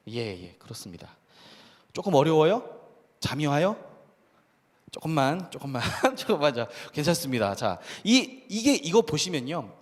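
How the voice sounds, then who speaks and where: A man preaching a lively, conversational sermon to a youth congregation as pastor. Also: high voice. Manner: animated, conversational preaching with acted quotes and laughs. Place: church hall. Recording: hall reverb.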